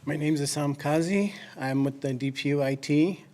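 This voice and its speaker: A man's voice: on the high side, moderate pace, mellow. A man introducing himself to an audience in a composed, formal manner.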